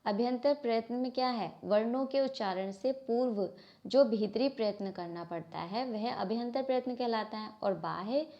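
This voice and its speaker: A woman's voice: fairly high pitch, moderate pace. A woman teaching Hindi grammar to a class, asking questions and answering them herself, often stopping to correct herself. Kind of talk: classroom lesson explaining from a book. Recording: slightly dull lo-fi sound.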